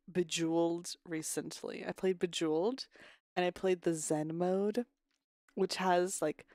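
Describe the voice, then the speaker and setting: A woman's voice: lowish voice, a little mellow, no room sound, clean studio sound. A woman streamer chatting casually with her viewers, rambling and restarting her sentences, a little unwell with a cough.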